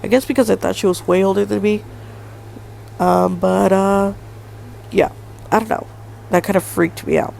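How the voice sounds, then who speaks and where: A woman's voice: mid-range voice, steady tone, moderate pace, vocal fry, pauses often, a little mellow, a little hiss or hum, rough recording. A woman in her twenties hosting a solo podcast, talking in a rambling way with lots of fillers and hedges. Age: 20s. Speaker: podcast host. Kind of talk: casual solo podcast monologue.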